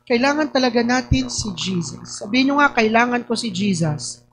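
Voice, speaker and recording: A young woman pastor with a Batangas accent delivers a sermon in a high voice. She tells her stories with lively energy and often raises her voice to act out what people said. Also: moderate pace, low-quality recording. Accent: Batangas Tagalog. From Batangas, Philippines.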